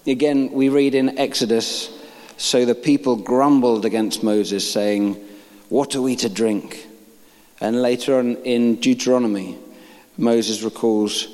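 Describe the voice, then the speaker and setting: A man's voice: medium pitch, darkish tone. A man giving an informal sermon, reading scripture aloud and making joking asides to the congregation. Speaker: preacher. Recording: long reverb of a large hall.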